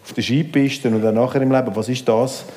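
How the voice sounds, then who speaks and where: A man in his fifties with a Swiss German accent, moderating a talk on stage in a large hall with a chatty, lively manner. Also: medium pitch, fairly quick. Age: 50s. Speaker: host. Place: large hall with live audience.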